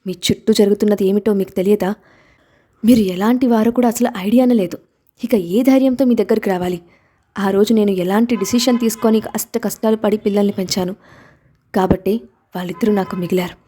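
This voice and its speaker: A woman's voice: mid-range voice, fairly quick, natural voice. Woman voicing a defiant young mother. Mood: reproachful. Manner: sharp, reproachful.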